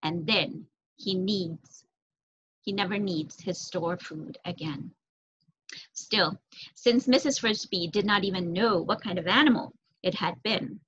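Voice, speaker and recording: A young woman reading a children's story aloud, expressive and with varied emphasis. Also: mid-range voice, slight background noise. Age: young adult. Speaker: reader. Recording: dull lo-fi recording.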